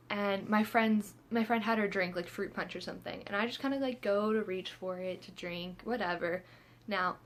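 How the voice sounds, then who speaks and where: A woman's voice: mid-range voice, a bit bright. A young woman vlogger telling a storytime tale in a chatty, self-mocking way, laughing often and acting out what everyone said. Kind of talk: casual storytime.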